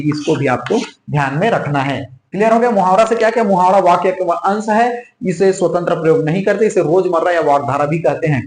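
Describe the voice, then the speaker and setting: A man's voice: sits high, reverberant, low-quality recording. A man teaching an online exam-prep class, repeating key points over and over and checking in constantly with the students. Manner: repetitive, drills points with frequent "theek hai".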